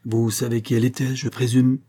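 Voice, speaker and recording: A guarded, reluctant dog dealer speaks in a mellow, husky voice, as a man reads his lines. Hesitant and cagey. Storybook reading. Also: mid-range voice, level tone, brisk, natural voice.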